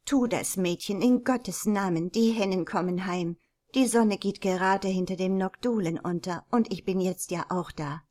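A woman's voice: mid-range voice, normal speed, a little mellow, close to an everyday voice. A woman reading aloud, voicing an anxious widowed mother in an old storybook, urgent and pleading. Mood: worried.

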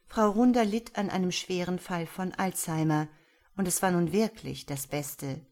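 Female audiobook narrator, steady crime-fiction reading, lower-pitched voice. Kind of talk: scripted crime-novel narration.

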